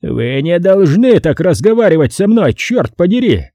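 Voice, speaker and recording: A man voicing a blustering, loud middle-aged male studio boss with a hoarse, bellowing voice, read as an audiobook character. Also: fairly high pitch, sing-song, moderate pace, no echo, pitched above the performer's own voice. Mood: angry. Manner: shouts and gloats.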